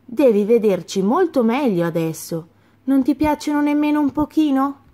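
A woman's voice: sits high, animated, moderate pace, mellow, voice pushed up. A woman voicing a cheerful, encouraging father goose in a children's story.

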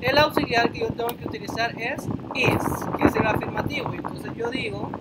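High-voiced bilingual teacher over loud noise. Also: male voice, moderate pace. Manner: explains in English then repeats in Spanish, frequent "ok?" checks, some restarts. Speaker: English teacher. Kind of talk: bilingual classroom lesson.

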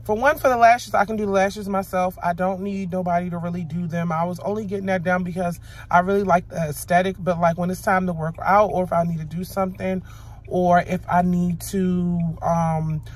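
This car vlog features a young woman with a fairly low voice who talks fairly quickly. She's animated and blunt, wandering from point to point and cursing plenty along the way.

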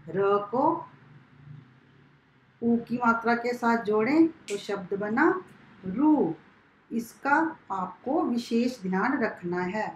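A woman teacher giving a primary school lesson, spelling out each sound slowly and carefully for young pupils. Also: medium pitch, a little hiss or hum. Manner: slow, carefully spelled-out classroom instruction. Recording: echoey room.

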